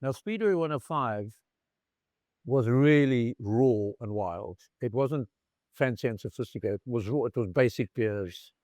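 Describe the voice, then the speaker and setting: A man's voice: mid-range voice, a little slow, no room sound. Storytelling man, dry close sound. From South Africa. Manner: animated anecdotal storyteller, acts out dialogue. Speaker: bar founder, interview guest. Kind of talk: casual storytelling interview. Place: bar in Cape Town.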